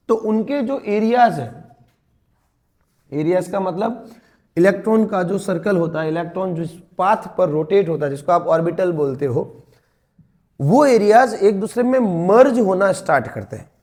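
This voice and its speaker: A male chemistry teacher, lecturing in a mix of Hindi and English. He asks questions and answers them himself, and he reads definitions slowly. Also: high voice, darkish tone. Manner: explains step by step, asks and answers his own questions.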